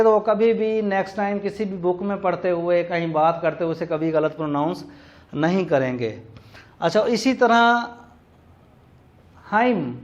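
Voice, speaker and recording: A man giving a recorded lecture on teaching English words, explaining slowly and spelling words out letter by letter. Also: high-pitched. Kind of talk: classroom lecture. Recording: dull lo-fi recording.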